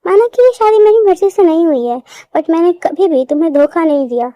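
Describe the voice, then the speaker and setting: A woman's voice: very high voice, animated, fairly quick, no echo, lo-fi sound. A woman voicing a hurt, furious young wife who hurls bitter accusations in a fan-dub audio drama. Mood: accusing.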